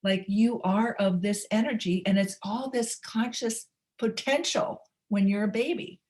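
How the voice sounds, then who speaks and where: A middle-aged woman speaks softly and without a script as the host of a spiritual webinar. She often stops and restarts her sentences, and she fills the gaps with "um". Her voice sits at a middle pitch for a woman. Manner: soft, halting, with many fillers and restarts. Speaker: spiritual teacher hosting a webinar. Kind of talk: unscripted teaching talk. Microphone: webinar microphone.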